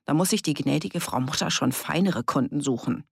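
A woman's voice: deep voice, fairly quick, vocal fry, husky, dry recording, clean studio sound, heavily acted. A woman reading an audiobook, voicing a furious older farm woman who scolds and sneers. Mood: scornful.

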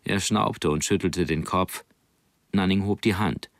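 A man calmly reading an audiobook as narrator. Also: low-pitched, unhurried, no echo, studio quality.

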